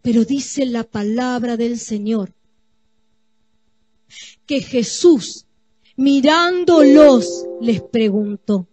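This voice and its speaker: High-voiced woman pastor, slow and emphatic. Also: dark tone, soft background music. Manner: emphatic, repetitive preaching that addresses the congregation. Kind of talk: sermon. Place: church.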